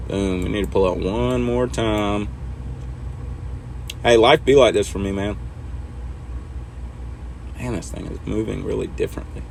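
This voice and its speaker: A low-voiced man with vocal fry speaks a little slowly and pauses often, with some hiss or hum in the background. He casually shows how to back up in a trucking simulator, laid-back and chatting to himself as he drives.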